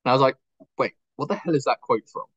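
A man's voice: mid-range voice, fast, slightly rough, no room sound, dull audio. A man co-hosting a casual podcast chat, telling stories with acted-out quotes and frequent laughs. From Britain. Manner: animated storyteller, acts out quotes, laughs often. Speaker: podcast co-host.

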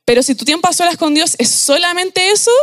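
A young Chilean woman delivers a youth sermon in a relaxed, slangy way, animated and quick to laugh. Her voice sits high, and the recording is dry and close with little room sound. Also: no room sound. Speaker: youth preacher.

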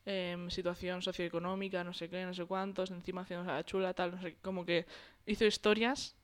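A woman in casual chat, telling a story in an animated, gossipy way with many fillers. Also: fairly low pitch, a little fast.

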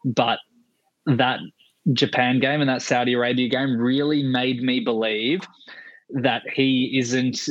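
A man giving conversational football opinions as a panelist, measured and considered. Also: mid-range voice, level tone, no room sound, lo-fi sound. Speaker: podcast panelist.

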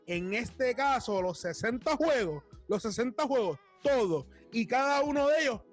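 High-pitched Puerto Rican man speaking Spanglish. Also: expressive, moderate pace, soft background music. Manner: Spanglish, drops English words into Spanish. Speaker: podcast co-host and baseball analyst. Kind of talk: casual sports chat.

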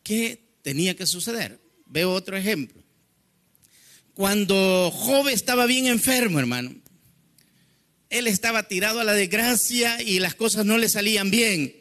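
A preacher delivers a sermon. His voice sits high and rings bright and forceful. He moves between scripture reading and acted-out dialogue, often calling out "brother.". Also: expressive, unhurried. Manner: addresses listeners as "hermano", reads scripture then acts out the quarrel.

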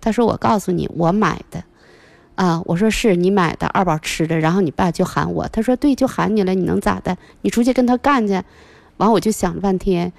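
Fast-talking woman. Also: lowish voice, gravelly, dry recording. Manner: animated storyteller who acts out quoted voices. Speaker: guest. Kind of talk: casual chat, telling a family story.

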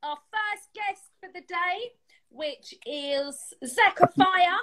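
A woman's voice: very high-pitched, takes it slowly, a bit bright, low-quality recording. A woman with a south London accent hosting a casual live music chat in an effusive, encouraging way. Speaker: online music show host.

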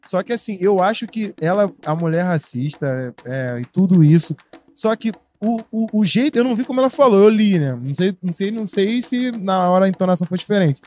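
A man's voice: high-pitched, lively intonation, fairly quick, a little mellow. A man co-hosting a casual chat, speaking hesitantly and hedging, with many restarts.

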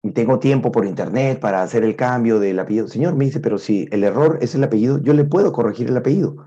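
A man's voice: medium pitch, fast, slightly rough, highs cut off. A man telling a personal story with life lessons, acting out the voices of the people in it. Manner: animated storyteller, acts out the voices of others.

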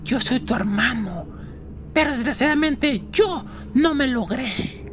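A woman voicing the ghost of a dead nine-year-old boy who speaks low and hushed. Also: lively intonation, slow. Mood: menacing.

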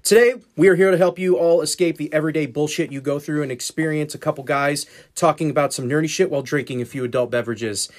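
A man hosting a podcast introduction, with a warm, upbeat announcer delivery and informal wording. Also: fairly high pitch, fast, few pauses. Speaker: podcast host.

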